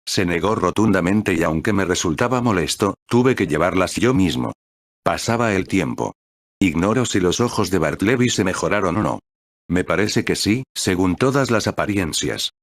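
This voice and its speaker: Male storyteller, deep and steady, dry close sound. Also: no echo. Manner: measured, steady reading. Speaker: narrator. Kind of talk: scripted story narration.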